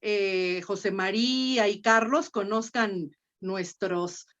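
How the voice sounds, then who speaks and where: A woman's voice: medium pitch, takes it slowly, fairly bright tone. A Mexican woman teaching a Latin class online, patient and encouraging as she corrects students' pronunciation. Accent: Mexican Spanish. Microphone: video call. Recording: lo-fi video call audio.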